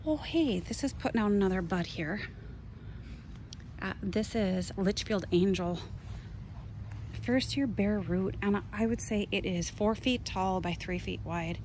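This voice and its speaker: Slightly slow and a little mellow, the mid-range voice belongs to a Minnesota gardening vlogger giving an unscripted, casual tour of her garden, wandering between exclamations. Captured handheld outdoors, the recording is noisy, with clear outdoor ambience.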